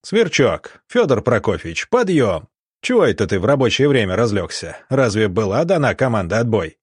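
A man voicing a gruff, quick-tempered army ensign who scolds and threatens. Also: fairly low pitch, sing-song, a little mellow, dry recording, studio quality, full character voice. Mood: furious.

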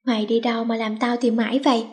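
A woman's voice: on the high side, flat delivery, fast talker, a little mellow, natural voice. A woman doing a fussy fawning schoolgirl. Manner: scolding then wheedling. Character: teenage schoolgirl best friend, fussy, fawning.

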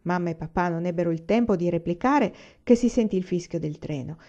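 A woman reading a children's novel aloud as narrator, even and clear. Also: on the low side, fairly quick, lo-fi sound. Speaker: reader.

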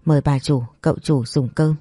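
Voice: mid-range voice, steady tone, normal speed, dark tone, dry recording, close to an everyday voice. The narrator voicing a chatty, superstitious housemaid who talks eagerly and persuasively.

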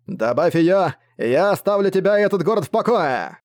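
A man's voice: high-pitched, sing-song, normal speed, pitched above the performer's own voice. A man voicing a greedy, arrogant dragon mage in an audiobook, with a roaring, contemptuous manner.

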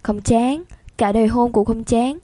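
A clingy middle-aged rich man pleads and coaxes his lover, as a woman reads him out. The voice sits a little raised, mellow and dark in tone, recorded dry and close for a storybook. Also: fairly high pitch, a little slow, no echo. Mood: doting. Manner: coaxing, pleading.

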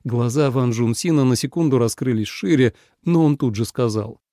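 A man narrates a scripted audiobook in an expressive storytelling style, his mid-range voice at normal speed. The recording is studio quality with no room sound.

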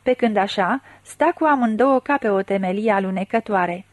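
A woman reads a literary story aloud with measured, dramatic storytelling. Her voice sits in an ordinary middle pitch and sounds dry and close, with no room around it. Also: no echo. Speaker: audiobook narrator. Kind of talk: literary audiobook reading.

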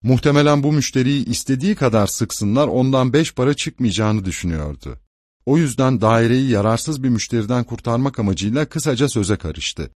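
A man reading literary narration in a measured, even way. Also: mid-range voice, dry recording, clean studio sound. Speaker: audiobook narrator.

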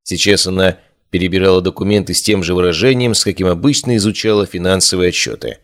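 Man, audiobook narrator, first-person fantasy, very low voice, steady, measured.

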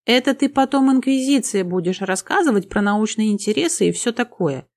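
A woman's voice: mid-range voice, lively intonation, brisk, a little mellow, natural voice. Woman doing a sly, sardonic archmage. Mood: smirking. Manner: wry, smirking.

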